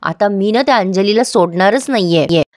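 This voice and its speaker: A woman's voice: mid-range voice, lively intonation, normal speed, darkish tone, no echo, studio quality, lightly acted. A woman voicing an older, caring mother-in-law who speaks in a soothing, coaxing way. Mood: worried.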